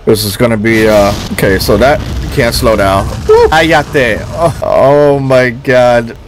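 Excitable man streaming a horror game. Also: medium pitch, slow, slight background noise. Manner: excitable, exclaims and talks to viewers. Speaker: gaming streamer. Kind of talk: casual let's-play commentary.

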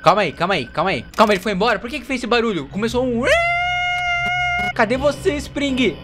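A young male gaming YouTuber with a Brazilian Portuguese accent does let's play commentary on a horror game, yelping and laughing in fright as he talks to his audience. His very high voice is a little fast with lively intonation, and game music plays behind him.

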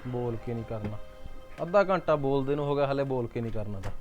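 A man's voice: medium pitch, animated, lo-fi sound, faint music behind, natural voice. An actor playing a short-tempered young husband scolding his relatives in a family drama. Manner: quick, scolding.

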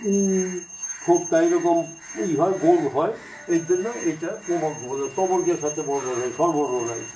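A male teacher with a Bangladeshi Bengali accent lectures a class, slowly repeating each sound aloud as he explains it. His voice sits high, and it is picked up from a distance by a phone across the room. The room rings with echo, and faint background noise sits underneath. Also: warm tone. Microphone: phone camera from across the room. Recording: echoey room, voice from far off.

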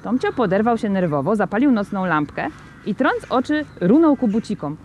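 A woman reads a novel aloud at a middle pitch, telling the story in a lively, expressive way. A faint noise sits quietly behind her voice. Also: moderate pace. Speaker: reader.

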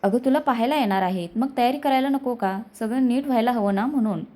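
Brief: woman storyteller voicing a caring mother, soft and coaxing, storybook reading. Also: on the high side, fast, lightly acted. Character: middle-aged mother, caring and tearful.

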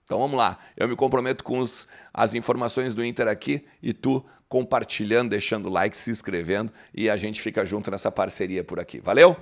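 Gravelly-voiced gaúcho man talking football. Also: fairly low pitch, steady tone, fairly quick, hardly any pauses. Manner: chatty, tags sentences with "né?" and "ó". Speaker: football channel host. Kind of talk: casual football commentary to camera.

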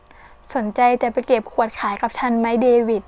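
A swaggering young mafia boss, voiced by a woman reader, who drags his words out slowly to taunt. His voice sits high and light, with a boastful edge. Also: fairly even intonation, clean tone. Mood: teasing. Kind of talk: audiobook character reading.

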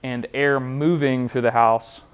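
A man representing an HVAC company explains a home heating and cooling setup in a spacious warehouse workshop walled with concrete block, gesturing at the equipment as he goes. His medium-pitched voice is clean, a little slow and fairly even, and his manner is plain and practical.

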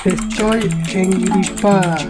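A man's voice: sits high, little pitch movement, slow, loud music behind the voice. A young man with a Rioplatense accent, commenting casually as a streamer while trolling a chat, mocking, laughing, then disgusted. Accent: Rioplatense Spanish. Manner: mocking, swings between laughing and mock disgust.

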